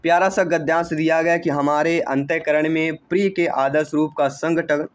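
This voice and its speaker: A man's voice: on the high side, steady tone, normal speed. A man teaching an exam-prep lesson, calling listeners dear friends and brother and repeating answers back as questions.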